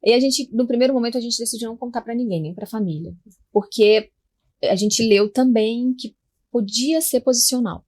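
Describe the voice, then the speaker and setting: Soft-spoken Brazilian woman telling a story. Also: on the high side, normal speed. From Minas Gerais, Brazil. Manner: soft-spoken, acts out quoted lines. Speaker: guest mother. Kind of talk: personal storytelling in a podcast chat.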